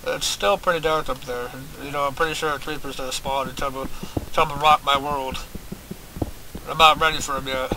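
Let's-play host, male, slightly high voice, loose and profane, lots of fillers, noisy recording. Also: fairly even intonation, moderate pace. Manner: rambling, swears often, filler-heavy, talks to viewers. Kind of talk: casual gameplay commentary.

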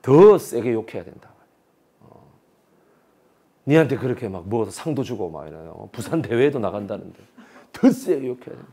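A man's voice: lowish voice, normal speed, creaky, pauses often, breathy edge. A man with a Busan Gyeongsang accent giving a history lecture as a story, acting out the voices of the people he quotes. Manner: animated, acts out quoted voices.

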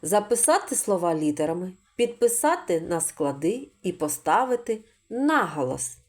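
In a preschool literacy video, a woman with a lower voice and big swings in pitch patiently sounds out words and quizzes the children. She talks slowly, almost singing, and stretches each sound out for young listeners.

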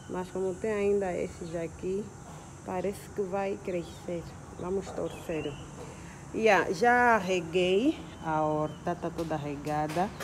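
A woman's voice: fairly low pitch, noisy background. Tired young woman vlogging on her phone. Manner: chatty, addresses viewers as sisters. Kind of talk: casual chat to camera. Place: apartment and plant-filled balcony. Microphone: phone at arm's length.

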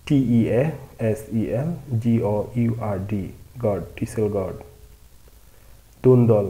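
A man leads a vocabulary lesson at a slow, patient pace, spelling every word out one letter at a time. His voice sits at an everyday pitch and sounds warm and mellow. The delivery is plain and steady, like a teacher drilling words. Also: low-quality recording. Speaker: language teacher.

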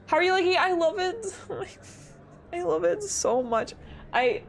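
Brief: giggly young woman live-streaming, high, bouncy voice, headset mic. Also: big pitch swings, unhurried. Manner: giggly, bubbly, self-deprecating. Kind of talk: casual live-stream chat while gaming. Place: home apartment.

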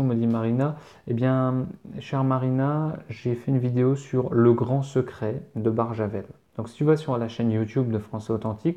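A man's voice: medium pitch, warm tone, highs cut off. A man teaching French, reading out viewer questions and answering them casually, spelling words out letter by letter. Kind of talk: casual live Q&A.

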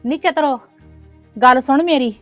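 A woman's voice: sits high, unhurried, a bit bright, no echo, faint music behind. A woman with a Punjabi accent, acting a scolding, sarcastic sister-in-law in a scripted family drama.

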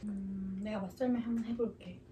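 Fast-talking young woman, mouth full of noodles. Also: medium pitch, steady tone, very noisy. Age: 20s. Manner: chatty, playful, laughs often. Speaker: vlogger. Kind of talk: casual mukbang chat with a friend.

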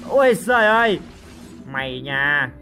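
Over background game music, a man with a fairly high voice narrates his mobile gameplay live at a measured pace. He's excited, with repeated shouts and playful bragging aimed at viewers.

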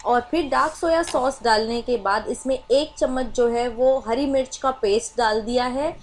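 High-voiced woman narrating a cooking tutorial. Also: moderate pace. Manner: steady step-by-step explaining, many filler phrases. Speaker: cooking channel host.

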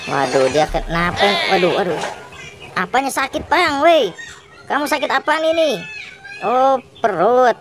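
A woman as a calm clown doctor, slow and soothing, a bit high. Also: background noise. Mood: matter-of-fact. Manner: soothing, repeats herself.

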